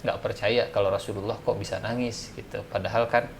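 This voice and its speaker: A man's voice: lowish voice, steady tone, brisk, gravelly, a little hiss or hum. A man, an ustadz giving a casual religious talk, chatty and full of fillers. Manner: chatty, laughs often, many fillers. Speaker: ustadz speaker.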